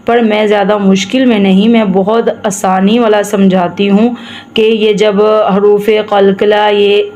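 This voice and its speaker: A woman from Pakistan teaching Quran recitation, patiently chanting each word slowly and then explaining quickly. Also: medium pitch, a little mellow. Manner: slow drawn-out recitation alternating with quick explanation. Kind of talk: tajweed recitation lesson.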